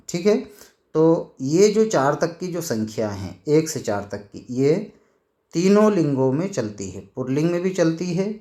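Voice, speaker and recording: Male teacher explaining grammar, slow and deliberate, repeats key words, slightly higher voice. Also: a little mellow. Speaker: Sanskrit teacher.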